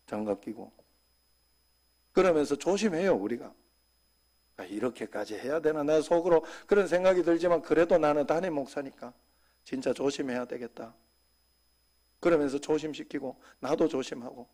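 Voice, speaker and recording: A man preaching a sermon as senior pastor, talking conversationally and dropping suddenly to soft, quiet asides. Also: a little high, normal speed.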